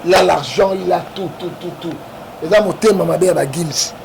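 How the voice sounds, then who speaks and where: A man's voice: high-pitched, normal speed, gravelly. A Congolese man, a guest in an interview, talking politics with force in a Congolese French accent, often checking in with "hein?". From Democratic Republic of the Congo. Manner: emphatic, keeps asking "hein?" to prod the listener. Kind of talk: animated political talk. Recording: noisy background.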